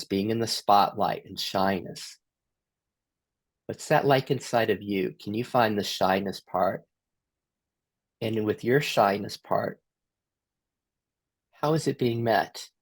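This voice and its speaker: A man with a Southern American accent, gently guiding a therapy workshop with reflective questions. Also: lowish voice, breathy edge, no room sound. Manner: gentle, inviting, asks many reflective questions. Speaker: workshop facilitator.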